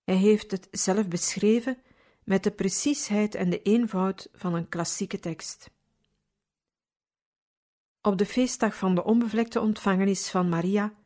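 A woman reading a religious story aloud in calm, measured scripted narration. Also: medium pitch. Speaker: audiobook reader.

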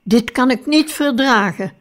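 A woman voicing an agitated, nervous male doctor who shouts and pleads to be believed, read slowly in an audiobook. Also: on the high side, expressive, full character voice. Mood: agitated pleading.

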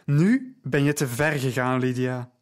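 A man reading the part of an angry, hostile man who speaks loudly and accusingly. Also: fairly high pitch, a little slow, lightly acted. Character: angry red-faced man, blustering and hostile.

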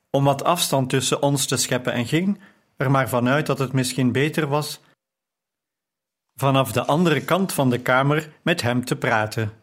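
A man reading a novel chapter aloud as an audiobook narrator, in an even, measured storytelling manner. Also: mid-range voice. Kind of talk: scripted narration.

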